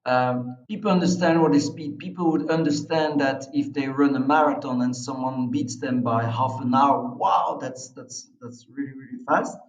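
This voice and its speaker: A Belgian man, interviewed as an expedition adventurer, speaks English as a second language with a Belgian accent, talking conversationally and emphatically about his own experiences. His medium-pitched voice keeps a fairly even intonation at normal speed with hardly any pauses. The microphone sound is roomy, distant and dull.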